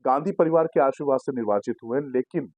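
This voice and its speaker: A man delivers political news commentary in an assertive, explanatory way. His voice sits at an ordinary middle pitch. The sound is dry and a little dull, with no room echo. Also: fast, darkish tone. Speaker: digital news host.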